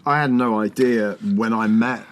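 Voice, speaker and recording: A man's voice: on the low side, measured pace, slight background noise. Man telling stories on a chat podcast. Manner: relaxed storytelling with hesitations. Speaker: podcast co-host. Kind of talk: casual chat about music journalism.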